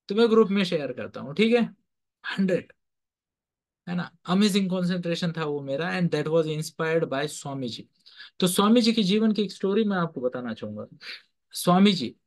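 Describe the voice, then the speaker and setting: A man giving a motivational storytelling lecture as a teacher and counsellor, mixing Hindi with English phrases and checking in with his listeners through repeated questions. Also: high-pitched.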